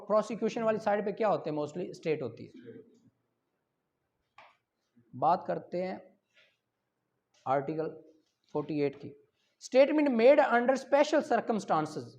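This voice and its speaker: In this dull, lo-fi recording, a Pakistani-accented man whose voice sits high with a darkish tone gives a law lecture. He reads articles aloud and unpacks them using examples and rhetorical questions.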